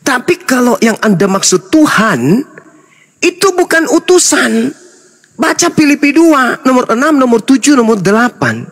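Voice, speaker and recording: A man's voice: very high voice, sing-song, a little slow, a bit bright. A man, an Islamic preacher, in a heated interfaith debate, lecturing insistently and talking over the other man.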